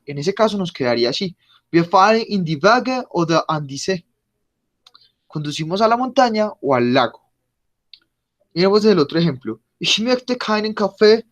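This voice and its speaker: A man teaching an online language class, patiently repeating example sentences slowly. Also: high-pitched. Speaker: German teacher.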